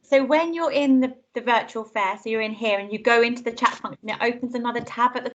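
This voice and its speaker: A woman heard over a video call, explaining software step by step in a casual, chatty way. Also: fairly high pitch, quick pace. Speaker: trainer demonstrating software. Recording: muffled video call audio.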